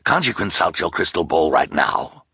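A man's voice: deep voice, very animated, moderate pace, creaky, sharp tone, husky, no room sound, studio quality, pitched above the performer's own voice, full character voice. A man voicing a scheming, boastful male villain with a sardonic, commanding manner in an audiobook. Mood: impatient.

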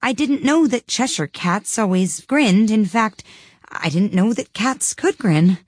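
A woman's voice: medium pitch, animated, unhurried, breathy edge, no echo, studio quality, voice pushed up. A woman voicing a polite, timid young girl who speaks carefully and eagerly.

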